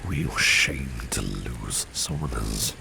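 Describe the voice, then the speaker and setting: Slow, admiring and flirtatious, a man fully inhabits the role of a courtly, protective boss in ASMR roleplay addressed to the listener, his breathy half-whisper exceptionally low and heavily creaky. He savors each suave phrase, and the recording clearly carries falling rain, passing vehicles and steady street noise.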